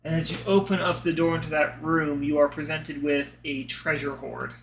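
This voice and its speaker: A man narrating as game master of a tabletop game, describing scenes in an unhurried, descriptive way. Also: a little high, little pitch movement, gravelly, slight background noise.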